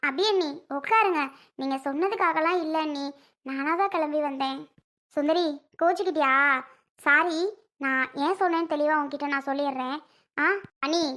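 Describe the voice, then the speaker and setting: A woman playing a young wife who talks softly and makes peace with her brother and his wife. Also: high-pitched.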